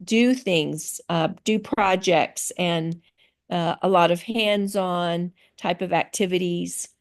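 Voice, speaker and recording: She's a middle-aged woman who grew up in Thailand, speaking thoughtfully on a video call about teaching, her answers full of pauses and fillers. Her voice is on the lower side and steady in tone.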